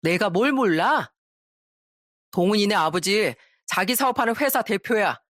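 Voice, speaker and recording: A woman's voice: mid-range voice, fairly bright tone, no room sound, clean studio sound, close to an everyday voice. A woman voicing a smug, greedy young male doctor who sneers and boasts.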